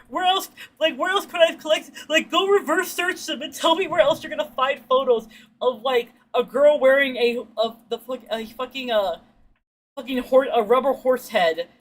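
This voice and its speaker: While gaming, a woman streamer chats with viewers and rambles through stories in a voice that's fairly deep for a woman. She's slangy and sweary, retelling events animatedly and performing the quotes.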